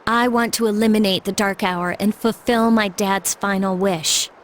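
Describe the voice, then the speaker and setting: A young American woman voices an earnest, resolute teenage schoolgirl in an anime game, her mid-range delivery fairly even and moderately paced, much like an everyday speaking voice. The mood is earnest and wistful, with music playing behind her and slight background noise.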